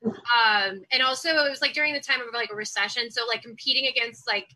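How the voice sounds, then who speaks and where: Bright-voiced woman rambling with fillers. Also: a little high, brisk, low-quality recording. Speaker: panelist. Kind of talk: casual chat.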